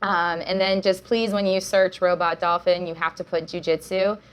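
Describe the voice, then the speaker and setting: Relaxed, chatty young woman with a slightly low voice, speaking in a loose podcast conversation. Her talk is upbeat, with lots of fillers and easy laughter. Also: normal speed, clear, resonant tone. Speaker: podcast guest, jiu-jitsu coach. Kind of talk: casual chat.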